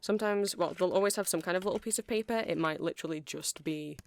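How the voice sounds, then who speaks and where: A fast-talking, medium-pitched natural voice plays a nerdy, chatty male vampire shopkeeper in an ASMR roleplay. In a rambling, explanatory mood, he hesitates, apologizes and corrects himself as he chats casually about what he's selling.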